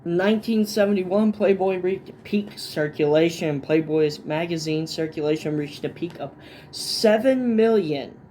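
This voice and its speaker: A man narrates a history video in a mellow, somewhat high voice. He reads his scripted lines, then drops into loose, casual asides full of fillers and restarts. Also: measured pace, a little hiss or hum. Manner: fillers and restarts between points. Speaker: video essay host.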